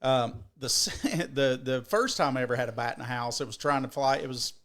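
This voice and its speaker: A man co-hosting a podcast, telling a rambling, profane story in an animated way with many restarts. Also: mid-range voice, a little fast. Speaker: podcast co-host. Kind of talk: casual storytelling.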